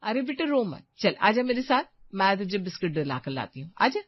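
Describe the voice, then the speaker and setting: A woman's voice: medium pitch, very animated, fairly quick, no room sound. A young married woman, kind but a little bossy, chattering through household chores in a cartoon story, as voiced by a woman. The recording is dry and somewhat dull and lo-fi, with no room sound.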